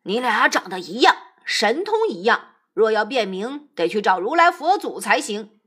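A woman voicing a calm, wise male bodhisattva in a storybook tale, speaking in a lowered, measured voice.

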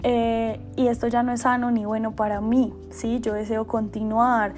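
A woman host speaking in a soothing, unhurried way as she shares self-help guidance. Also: a little high, little pitch movement, a little mellow, faint music behind. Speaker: host sharing personal self-help exercises. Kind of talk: soft, slow guided meditation.

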